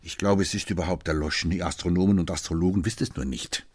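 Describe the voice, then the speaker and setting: A man voicing a quick-witted young woman who teases lightly, in an audiobook reading. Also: low voice, fairly even intonation, breathy edge, no room sound, studio quality.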